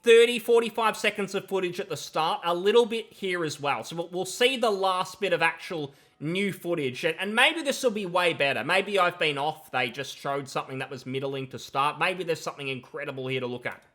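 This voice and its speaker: A gaming commentator in his thirties reacts critically and sarcastically to a game, speaking into a headset from a room at home. His voice is high and fairly bright, and he talks briskly with hardly any pauses.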